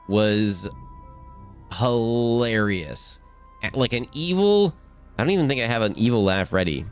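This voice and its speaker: A man's voice: fairly low pitch, clear, resonant tone. A man casually chatting while streaming a game, upbeat and talkative, reading chat aloud.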